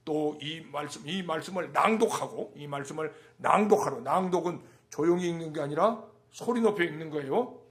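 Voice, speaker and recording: A male pastor delivering a Wednesday sermon, emphatic and repetitive, asking rhetorical questions. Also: a little high.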